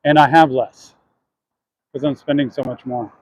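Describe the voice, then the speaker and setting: A man's voice: mid-range voice, steady tone, normal speed, darkish tone, no echo, poor audio. A man chatting earnestly to his viewers while walking down city streets, answering questions from chat.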